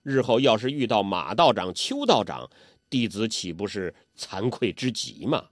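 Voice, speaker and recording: A man's voice: lowish voice, very animated, moderate pace, dry recording, studio quality, voice pushed down. A man voicing an earnest, humble young male swordsman, who speaks politely and hesitantly. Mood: deferential.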